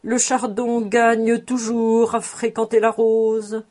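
A woman's voice: fairly high pitch, little pitch movement, takes it slowly, a little mellow, pitched above the performer's own voice. A woman reading aloud, voicing a shrewd, proud old male rabbi with a sly, proverb-loving manner.

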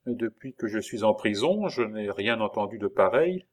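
A man's voice: on the low side, animated, moderate pace. A man voicing a young chiseler held in prison, speaking plainly and earnestly.

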